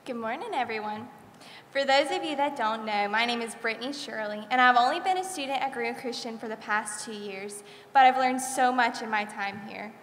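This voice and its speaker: A woman's voice: a little high, brisk, a bit bright, slight background noise. Sincere teen girl, echoey chapel podium. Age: late teens. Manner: sincere, devout thank-yous. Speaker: graduating senior. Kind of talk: reading a senior farewell speech. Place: school chapel. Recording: echoey chapel with long reverb.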